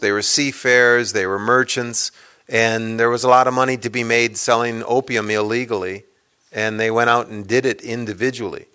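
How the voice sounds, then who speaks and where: An author talks to an audience about his book in a casual lecture that includes a Q&A. His medium-pitched voice is smooth and a little bright, and he rambles loosely, full of fillers and restarts.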